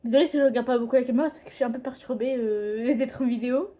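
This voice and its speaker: A woman's voice: fairly high pitch, quick pace, dark tone. A teenage girl chatting casually in a home drawing vlog, rambling, hesitant and often correcting herself. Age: teens. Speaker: drawing vlogger. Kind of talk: casual chat. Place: home, indoors.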